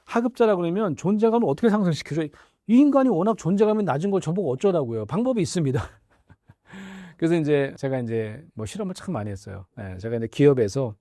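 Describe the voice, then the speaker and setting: A middle-aged man, a professor, explaining things in a conversational interview, lively and full of small affirming fillers. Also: medium pitch, no room sound, clean studio sound. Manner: lively, acts out quoted dialogue, frequent affirming fillers. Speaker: professor guest.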